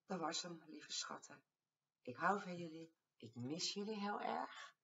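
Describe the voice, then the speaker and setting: An older woman, a grandmother, reading her own rhyming story aloud to her grandchildren in an affectionate, expressive way. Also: on the low side, a little slow. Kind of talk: storybook verse narration. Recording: distant, dull lo-fi home recording.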